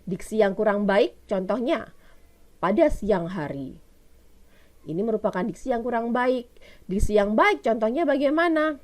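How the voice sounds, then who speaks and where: A woman's voice: mid-range voice, measured pace, long pauses, a little mellow. Lady teacher with an indonesian accent walking kids thru grammar, asks questions then answers them herself. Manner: explains step by step with rhetorical questions. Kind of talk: recorded classroom lesson.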